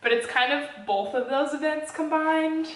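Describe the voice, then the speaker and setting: A woman's voice: high-pitched, normal speed, recorded from a distance, a little hiss or hum. Chatty woman vlogging in a roomy space. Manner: chatty, laughs often, says "like" a lot. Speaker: book vlogger. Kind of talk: casual vlog chat. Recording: roomy, from a little off-mic.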